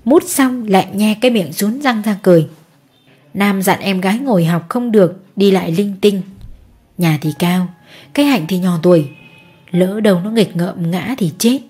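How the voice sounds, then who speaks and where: A woman reading a family story aloud as an audiobook narrator, in a steady, even delivery. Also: medium pitch, normal speed, slightly rough.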